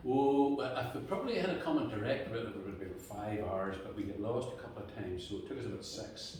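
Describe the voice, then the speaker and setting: A storyteller from Antrim, Northern Ireland, tells a folk tale live at an indoor cottage gathering, his lowish, slightly mellow voice animated and fast. He speaks colloquially, building the story through repeated phrases. The room is very echoey, the microphone distant, with faint noise.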